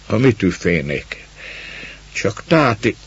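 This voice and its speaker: A man voicing a lonely young peasant girl who answers in short, quiet replies. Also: fairly low pitch, big pitch swings, husky, lo-fi sound, pitched above the performer's own voice, heavily acted.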